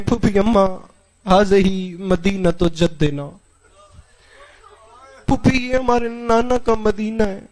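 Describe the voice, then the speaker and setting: A man reciting a mournful majlis in a wailing, chanted lament, drawing out lines and breaking into sudden cries. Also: high-pitched.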